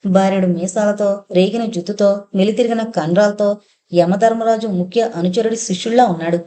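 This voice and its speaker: A woman narrating an audio novel in an even storytelling manner. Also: mid-range voice, normal speed.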